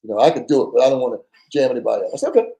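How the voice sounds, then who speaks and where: A middle-aged man, a guest on a podcast, tells war stories in a casual, animated way, acting out the dialogue and swearing freely. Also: medium pitch, very fast, gravelly. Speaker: podcast guest, former undercover agent. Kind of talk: casual storytelling interview. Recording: echoey room.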